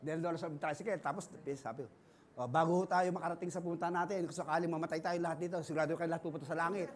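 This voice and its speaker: High-pitched Filipino male pastor, animated sermon storyteller. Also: rapid-fire. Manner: animated preaching, acts out dialogue, laughs often.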